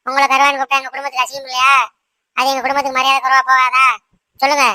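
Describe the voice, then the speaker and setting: Woman playing a firm cartoon wife, high bright voice, insists and lectures at a quick clip. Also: completely flat delivery, smooth, no room sound. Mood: insistent. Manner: insistent, lecturing, repeats "சரியா?". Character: young wife, proud, stubborn, quick to anger. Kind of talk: cartoon voice acting.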